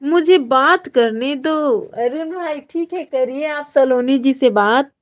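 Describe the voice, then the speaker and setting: Woman from chhattisgarh on a live stream, high voice, reads out comments and greets people by name. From Chhattisgarh, India. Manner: slow, drawn-out friendly addressing of viewers by name. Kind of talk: casual live chat reading viewer comments.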